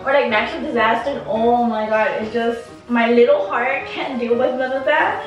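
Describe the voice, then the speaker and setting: A high-pitched young woman chatting away in a casual vlog, self-mocking and talkative. Her voice bounces around a very echoey room, picked up by a camera mic set well back from her. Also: fairly even intonation, normal speed, recorded from a distance, lo-fi sound, soft background music. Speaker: vlogger. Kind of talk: casual chat. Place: apartment living room.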